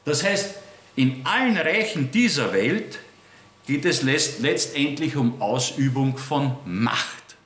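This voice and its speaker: A man preaching a sermon in a lively, dramatic way, acting out dialogue with God. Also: mid-range voice, slow pace. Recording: echoey room, faint ambience.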